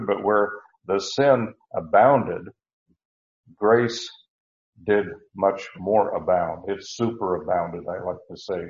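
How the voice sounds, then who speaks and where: A man teaching verse by verse through a Bible passage, unhurried, with many fillers and restarts. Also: on the low side, darkish tone. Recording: roomy, dull lo-fi recording.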